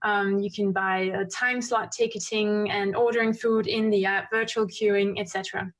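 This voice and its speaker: A woman giving a conference talk, walking listeners through her slides at a brisk pace. Her delivery is full of ums and restarts, and her pitch sits in an ordinary middle range. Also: level tone. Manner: fast-paced with frequent fillers and restarts. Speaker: conference speaker. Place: conference stream.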